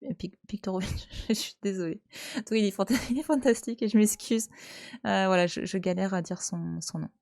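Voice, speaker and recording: A woman's voice: mid-range voice, fairly quick, creaky, a little mellow, no echo, studio quality. A French woman in her thirties, chatting casually and teasingly on a live stream from home, talking back to her chat. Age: 30s. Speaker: Twitch streamer. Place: at home, cat nearby.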